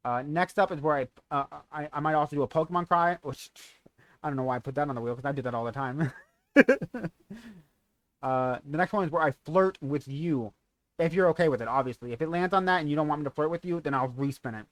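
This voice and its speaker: A man's voice: on the high side, quick pace, no room sound. A young man, a streamer, casually running through his donation tiers and schedule, rambling and correcting himself as he goes.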